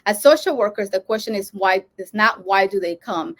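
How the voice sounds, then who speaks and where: A woman from Honduras gives an earnest lecture to social workers, her pitch sitting in a middle range. She thinks aloud as she goes, with many fillers and restarts. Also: lively intonation, moderate pace, fairly bright tone. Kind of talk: educational talk to social workers.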